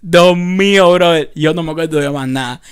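A young man from Cuba with a Havana accent, telling lively anecdotes on a casual podcast with lots of street slang. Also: a little high, moderate pace, clean tone. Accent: Cuban, Havana. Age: young adult. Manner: animated anecdotes with frequent laughter and street slang. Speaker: podcast co-host. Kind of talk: casual chat, storytelling.

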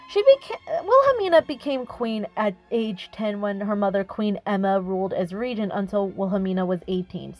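A woman's voice: on the high side, rough recording. A woman hosting her own channel, chatting casually about history while showing her speed art, often correcting herself. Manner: chatty, with frequent self-corrections. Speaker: YouTube artist and channel host.

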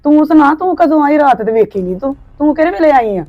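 An actress playing a neighbour woman who calmly soothes her upset friend. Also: sits high, brisk. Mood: soothing. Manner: soothing, placating. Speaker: actor in a short film. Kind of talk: village family drama. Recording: dull lo-fi sound.

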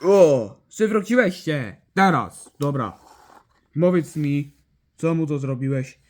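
A man improvising a toy play story, exclaiming often and switching quickly between character voices. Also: fairly high pitch, lively intonation.

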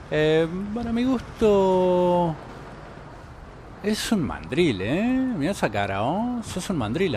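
A man's voice: fairly high pitch, background noise. Rowdy Rioplatense gamer man, mocking. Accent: Rioplatense Spanish. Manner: excitable, mocking, swears a lot. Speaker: gameplay commentator. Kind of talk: casual let's-play commentary. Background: game music and gunfire.

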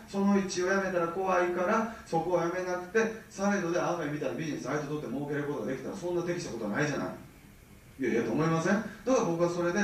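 A man in his thirties with a Kansai accent, giving an animated seminar talk and often checking that the audience follows. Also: fairly high pitch, a little hiss or hum. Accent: Kansai Japanese. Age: 30s. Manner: animated, keeps checking the audience with rhetorical questions. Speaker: business seminar speaker. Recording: very echoey, mic far from speaker.

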